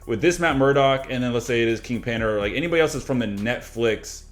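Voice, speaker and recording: A man co-hosting a reaction chat, talking quickly and casually, swearing now and then and slipping into quick impressions of characters. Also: medium pitch, soft background music. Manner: fast, animated, swears casually, mimics characters' lines. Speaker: reaction channel co-host.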